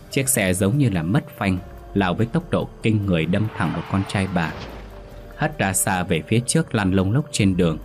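A man narrating a ghost story in a steady, dramatic storytelling manner. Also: fairly low pitch. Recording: faint music underneath.

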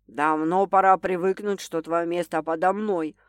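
A woman's voice: lowish voice, steady tone, normal speed, no room sound, close to an everyday voice. A woman voicing a domineering, possessive, drunk male boss who growls and hisses his threats. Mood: menacing possessive. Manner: growling, snapping, hissing threats.

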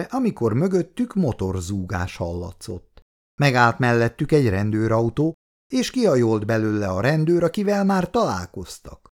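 A man narrating a story with expressive, dramatic delivery. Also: medium pitch.

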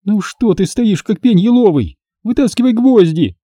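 A man's voice: sits high, expressive, normal speed, no room sound, clean studio sound, pitched above the performer's own voice. Man voicing a furious bossy young woman. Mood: scolding. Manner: sharp, scolding, commanding.

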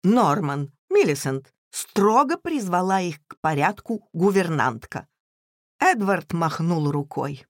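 A woman narrating a storybook in an expressive, unhurried reading. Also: lowish voice, dry recording, studio quality. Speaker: audiobook narrator.

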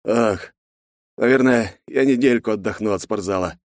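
A man's voice: fairly low pitch, moderate pace, no echo, studio quality, voice pushed up, natural voice. A man voicing a weary, wry young man who talks sluggishly, in a storybook reading.

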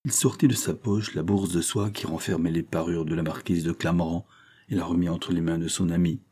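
Deep husky male audiobook narrator. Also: steady tone, a little fast, mellow. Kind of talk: scripted narration of a classic novel.

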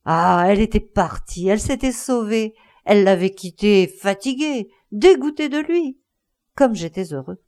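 A woman's voice: mid-range voice, lively intonation, moderate pace, darkish tone. A woman reading a classic short story aloud as first-person narration for an audiobook. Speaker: audiobook reader.

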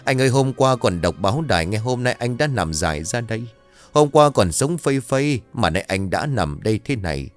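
A man's voice: mid-range voice, lively intonation, fairly quick, soft background music, lightly acted. A man voicing a cowardly young male street thug who sobs, pleads and slips into rhymed verse. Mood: wailing.

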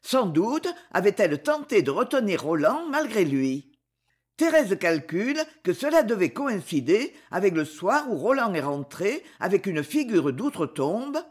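A somber young woman doctor in an audiobook, as a reader puts her on. Her voice is slightly husky, and its pitch moves with lively variation. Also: a little slow. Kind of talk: audiobook dialogue.

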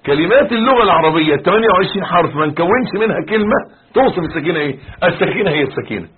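A man with an Egyptian Arabic accent, preaching a colloquial sermon. He is emphatic, moving between hushed and loud passages. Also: high voice, animated, rapid-fire, slightly rough. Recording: tinny phone-like audio.

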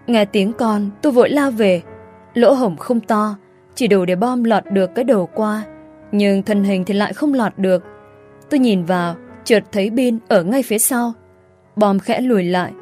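A woman giving a scripted first-person narration of a story, told in a steady, measured way. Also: mid-range voice. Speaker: audiobook narrator. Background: faint background music.

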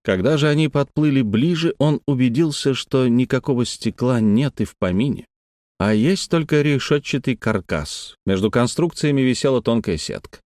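A man reading an adventure novel aloud as an audiobook narrator, steady and measured. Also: medium pitch, no room sound, studio quality. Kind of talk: scripted narration.

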